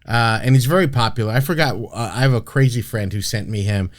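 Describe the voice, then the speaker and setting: A man's voice: mid-range voice, quick pace. A man hosting a casual podcast, brash and profane, rambling with frequent restarts and fillers. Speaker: podcast host.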